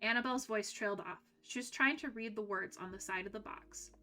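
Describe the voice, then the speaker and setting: Bright-voiced woman reading a children's book. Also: mid-range voice, brisk. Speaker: storyteller. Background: faint background music.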